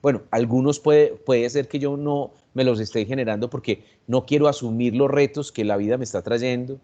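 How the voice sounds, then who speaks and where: Colombian man, psychologist guest, thoughtful, unhurried explainer, mid-range voice. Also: medium pitch, warm tone, highs cut off. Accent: Colombian Spanish. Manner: reflective, measured, with pauses and restarts. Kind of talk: explanatory talk on anxiety. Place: online video session.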